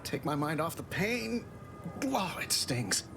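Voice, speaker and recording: A man's voice: fairly high pitch, very animated, slow pace, music in the background, exaggerated voice. An actor playing a wounded, polite, folksy man in pain in a video game. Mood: pained, sociable. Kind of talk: scripted video game dialogue. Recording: clear background ambience noise.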